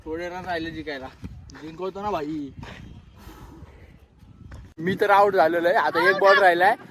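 A man's voice: sits high, fairly even intonation, moderate pace. A young man from Maharashtra chatting to his viewers as friends while filming a casual village vlog outdoors. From Maharashtra, India. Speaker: vlogger. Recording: outdoor phone recording with loud background noise.

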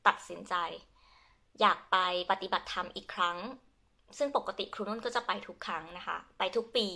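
Bright-voiced Thai woman teaching slowly. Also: mid-range voice. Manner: switches between Thai and slow halting English, repeats herself. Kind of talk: bilingual lesson, Thai with English glosses.

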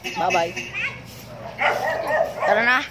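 A young woman hosting a casual group vlog outdoors, chatty and laughing as she signs off to viewers. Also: drawn-out words. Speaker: vlog host. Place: outdoors on a street. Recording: loud street noise, traffic and dogs.

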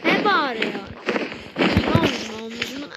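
A woman giving casual gameplay commentary, excitable and taunting, calling out to in-game enemies in slangy trash talk. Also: fairly high pitch, a little slow, very noisy. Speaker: gaming channel host.

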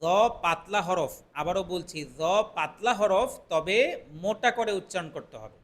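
A man teaching Quran recitation online, chanting verses slowly and then explaining pronunciation. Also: high-pitched, a bit bright. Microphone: recording microphone.

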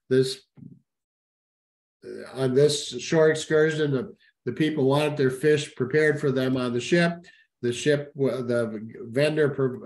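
A man's voice: medium pitch, darkish tone. A middle-aged man, a cruise sales representative, talks through slides in an informal webinar, with many "uh" fillers and self-corrections. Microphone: webcam at a desk, video call. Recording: roomy webinar audio.

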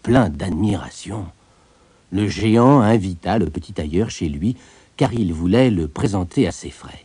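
Mellow, expressive male storyteller. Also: sits low, measured pace, husky, dry recording. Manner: expressive, lilting telling. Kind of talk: storybook narration.

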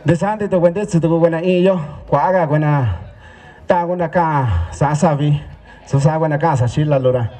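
A man from Mexico works as announcer at a village fiesta dance in a church. His voice sits high but sounds soft and warm rather than bright. He talks in short clipped phrases, calling out sponsors and guests one after another. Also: moderate pace. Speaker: event announcer.

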